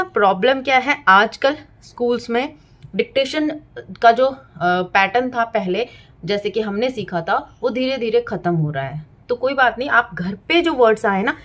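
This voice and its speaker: A woman's voice: a little high, fairly bright tone. A woman in her thirties explaining to parents how to teach spelling, breaking words into parts and spelling letters aloud, with frequent "theek hai" check-ins. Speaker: parenting and teaching channel host. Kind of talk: explanatory home tutorial.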